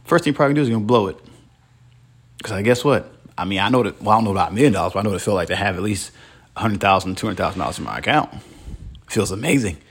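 A man's voice: fairly low pitch, racing, husky. A married man hosting his own podcast, giving a rambling motivational monologue full of restarts and quoted voices. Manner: rambling, many restarts, animated quoting. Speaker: podcast host.

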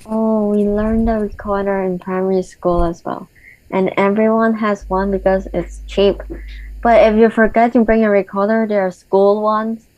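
A woman's voice: medium pitch, little pitch movement, normal speed, darkish tone. A woman chatting casually on a podcast, explaining with examples. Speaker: podcast participant. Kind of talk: casual chat. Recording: dry, dull-sounding mic.

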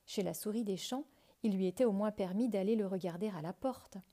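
A woman reading a fairy tale aloud in a calm, measured storytelling manner. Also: mid-range voice.

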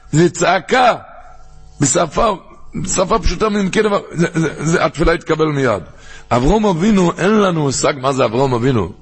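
A man, a rabbi, giving a Torah sermon, rising to loud emphatic peaks and chanting the verses he quotes. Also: mid-range voice, vocal fry.

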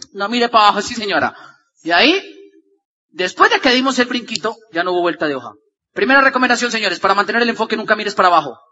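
High, bright-voiced man. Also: in a large hall, highs cut off. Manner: shifts from loud shouting to low murmurs, acts out dialogue. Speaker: motivational speaker. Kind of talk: energetic motivational talk with storytelling.

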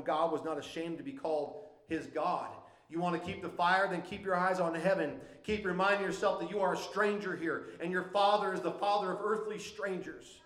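A man with a Minnesotan accent preaching a sermon as pastor in a church, conversational and animated, with frequent asides. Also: a little high, reverberant, rough recording. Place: church sanctuary.

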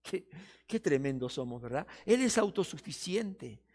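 A male pastor preaching a sermon, often acting out doubters and busy churchgoers in quick quoted asides. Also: fairly high pitch, sing-song, darkish tone. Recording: long reverb of a church hall.

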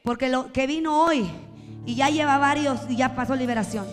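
Fervent high-voiced Mexican woman preaching. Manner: impassioned, shouting, drawn-out sing-song calls. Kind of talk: sermon. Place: church hall. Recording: echoey hall with music behind.

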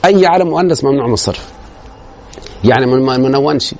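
Fast, gravelly Egyptian man lecturing. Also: medium pitch, a little mellow, highs cut off, slight background noise. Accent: Egyptian Arabic. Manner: explains step by step, often checks that students follow. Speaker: grammar lecturer. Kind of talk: classroom grammar lecture.

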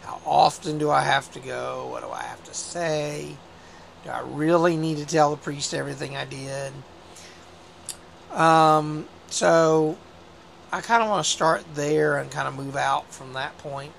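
A man who is a bishop hosting a faith talk show in a relaxed, conversational way, his voice hoarse from a cold. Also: on the high side, a little slow, a little hiss or hum. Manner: relaxed, conversational, with frequent fillers. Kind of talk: casual religious talk show.

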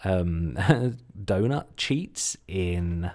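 A man's voice: deep voice, lively intonation, extremely slow, a little mellow. A man with a slight Suffolk English accent giving a casual instructional podcast talk, chatty and full of self-deprecating asides. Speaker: podcast host, content marketer.

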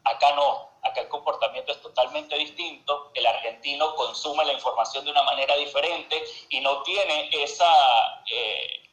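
A man's voice: fairly high pitch, expressive, moderate pace, few pauses, bright, forceful tone, roomy sound, rough recording. A Venezuelan man with a Venezuelan Spanish accent, a social media expert giving a fluent, explanatory interview over a video call, with frequent "eh" fillers. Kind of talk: remote interview, explanatory talk. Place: home in Argentina, video call.

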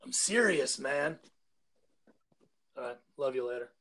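A man's voice: mid-range voice, animated, measured pace, very noisy. A man co-hosting a casual chat, teasing and stubbornly arguing his side. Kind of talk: casual banter.

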